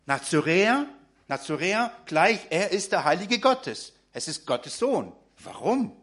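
A man's voice: high-pitched, big pitch swings, unhurried, fairly bright tone, slightly rough. A man preaching a sermon in German, talking directly to his congregation with frequent fillers and restarts.

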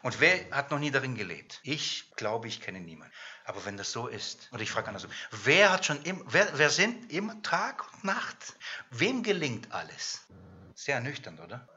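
A man preaching a sermon who fires rhetorical questions at his congregation and swings between loud emphasis and hushed asides. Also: mid-range voice, very animated, normal speed, lo-fi sound.

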